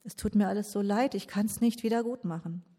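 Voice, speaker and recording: A woman's voice: medium pitch, brisk, warm tone, close to an everyday voice. A woman reading as a contrite apostle. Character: remorseful male apostle confessing.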